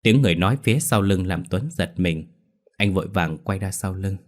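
A man narrating a ghost story in a steady, even storytelling voice. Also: low voice, a little fast.

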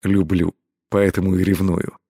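A stern, protective starship captain, as the male narrator plays him, speaking low and hushed with a deep register. He sounds possessive and commanding. The close, dry recording keeps every word near. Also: moderate pace, no echo, lightly acted. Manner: low and hushed, growling when angry.

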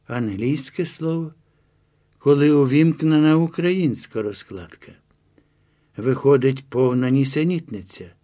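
A man's voice: mid-range voice, natural voice. Man reading a chatty know-it-all guide. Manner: explanatory, lively, confiding asides. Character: chatty, self-assured male guide reasoning aloud.

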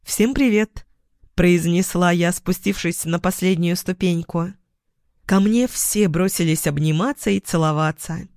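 A woman reading a first-person novel aloud at an unhurried pace, gently expressive. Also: fairly low pitch, no echo, studio quality. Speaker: audiobook narrator.

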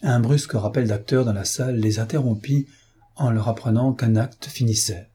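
Male audiobook narrator, dark and husky, measured literary reading. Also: mid-range voice.

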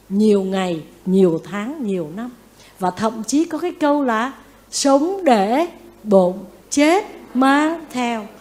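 Buddhist nun giving a dharma talk, a bit high voice, lively, keeps quizzing the listeners. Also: female voice. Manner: lively, asks the audience questions and answers them; repeats phrases for emphasis. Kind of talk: sermon.

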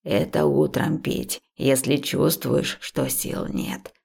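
A woman voicing a wise, stern old village herbalist who gives slow, measured instructions. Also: very deep voice, fairly even intonation, gravelly, darkish tone, slightly rough, pitched below the performer's own voice, exaggerated voice. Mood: instructive.

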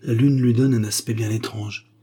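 A man's voice: mid-range voice, steady tone, normal speed, breathy edge, lightly acted. A man voicing a brooding, reluctant young lover in an audiobook, speaking in murmurs. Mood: hushed. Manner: hushed and murmured.

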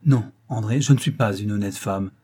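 A man's voice: on the low side, moderate pace, dark tone, slightly rough. A man voicing a proud, fiery young woman who defies her husband, speaking with heated defiance. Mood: defiant.

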